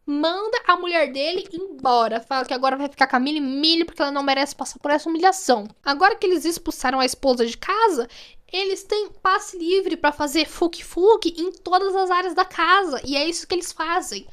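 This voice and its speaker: Brief: Brazilian woman vlogger, high voice, animated and slangy, wry film-recap storyteller. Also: fairly quick. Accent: Brazilian Portuguese. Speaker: film reviewer. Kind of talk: casual film recap vlog.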